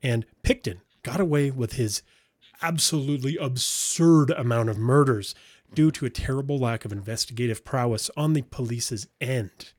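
A man's voice: medium pitch, moderate pace, a little mellow, dry recording, clean studio sound. A man hosting a casual true-crime podcast, joking, swearing and laughing often as he tells the story. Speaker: podcast host.

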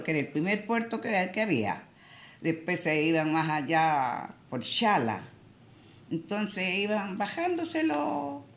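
A woman's voice: sits low, reverberant. An older woman from Peru recounting family memories in a rambling, storytelling way. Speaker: interviewee. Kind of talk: oral history recollection.

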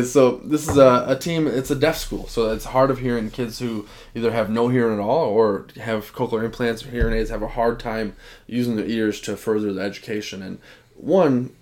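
Casual podcast co-host: young man, slightly low voice, easygoing and chatty. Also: moderate pace. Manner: relaxed, rambling, laughs often. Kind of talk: casual sports chat.

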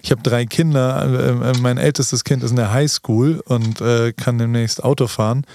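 A man's voice: medium pitch, steady tone, normal speed, gravelly, warm tone, slight background noise. A man in his forties co-hosting a podcast in casual, joking chat, rambling along playfully. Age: 40s. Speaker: podcast co-host. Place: podcast studio in a restaurant. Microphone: studio podcast mic.

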